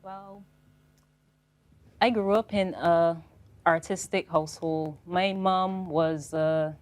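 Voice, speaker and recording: Low-voiced young woman. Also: steady tone, takes it slowly, dry recording. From Barbados. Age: young adult. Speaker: fashion designer on a panel. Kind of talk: panel talk.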